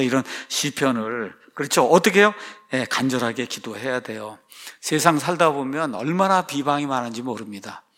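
A man's voice: medium pitch, a bit bright. A man preaching a sermon as pastor, emphatic, posing rhetorical questions to his congregation.

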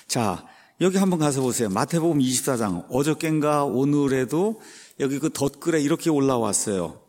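Guy pastor preaching, keeps asking the congregation stuff then answering it himself, mid-pitch voice. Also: animated, normal speed, darkish tone. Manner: teaching, asks the listeners questions and answers them himself. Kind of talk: sermon.

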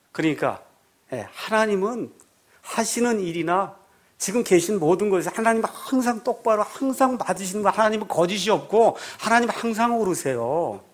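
A male pastor preaching a sermon, acting out quoted speech in a raised voice. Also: high voice. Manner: animated preaching, acts out quotes loudly.

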